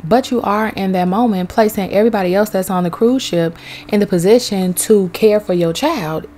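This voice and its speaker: A woman's voice: medium pitch, normal speed. Chatty woman vlogger telling a story. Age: young adult to middle-aged, has a son. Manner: chatty, animated, swears casually. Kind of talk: casual storytelling over gameplay.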